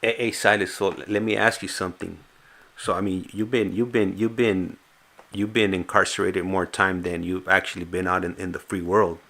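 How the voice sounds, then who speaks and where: A man's voice: low-pitched, flat delivery, moderate pace, creaky, a bit bright. A man hosting a casual live stream, hesitant and often stammering over repeated words. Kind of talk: casual chat.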